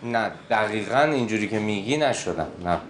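A man's voice: lowish voice, a little hiss or hum, lightly acted. Man doing a plain patient buddy, talks things through, bit echoey. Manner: calm, reasoning, mildly defensive. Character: patient ordinary friend, calm and reasoning. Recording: roomy echo.

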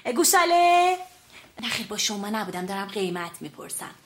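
A woman's voice: mid-range voice, big pitch swings, a bit bright. A woman playing a fussy, chatty secretary who keeps apologizing as she fumbles phone calls. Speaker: office secretary. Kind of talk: sitcom comedy acting.

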